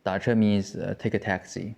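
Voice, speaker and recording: A man teaching Mandarin tones, explaining slowly with frequent restarts and pauses. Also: on the low side, flat delivery, gravelly, a little mellow. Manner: halting, with many restarts and fillers. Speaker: Chinese language teacher. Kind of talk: slow explanatory lesson.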